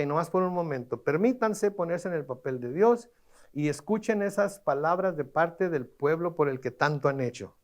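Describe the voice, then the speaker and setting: Middle-aged pastor preaching, kinda high voice, stumbles and repeats words a lot. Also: male voice, a little mellow. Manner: repeats words when emphatic, rhetorical questions. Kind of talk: sermon.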